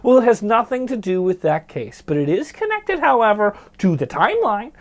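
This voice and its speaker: A man's voice: sits high, wildly swooping pitch, fairly quick. A man hosting a news commentary show, delivering headlines with snarky, jokey asides.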